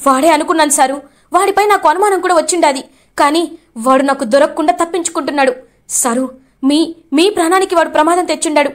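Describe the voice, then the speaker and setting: A woman's voice: sits high, fast talker, natural voice. A woman voicing a loyal woman helper who vows revenge, earnest and indignant. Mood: vengeful.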